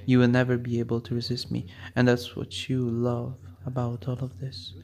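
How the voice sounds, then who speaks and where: A man performing an ASMR hypnosis roleplay, murmuring slow repeated commands and often dropping into a whisper. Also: mid-range voice, completely flat delivery, creaky, darkish tone. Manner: repetitive chanting commands.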